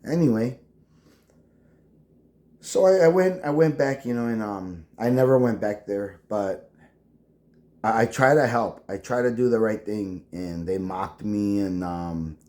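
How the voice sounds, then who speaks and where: A man, speaking in a halting personal monologue full of restarts. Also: fairly low pitch, darkish tone. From El Paso, Texas. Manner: halting, with many restarts and fillers. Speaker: veteran vlogger.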